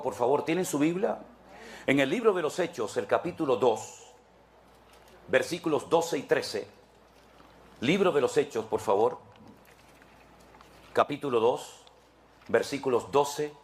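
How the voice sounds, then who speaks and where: A man's voice: medium pitch, darkish tone, slight background noise. A man preaching a sermon to his congregation as pastor, emphatic and repetitive, speaking to them directly.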